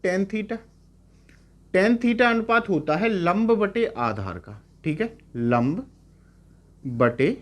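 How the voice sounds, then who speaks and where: A man's voice: high voice, lively intonation, extremely slow, pauses often. A male math teacher giving a lecture in Hindi mixed with English terms. He keeps asking short checking questions and repeats each key term. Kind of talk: classroom-style lecture.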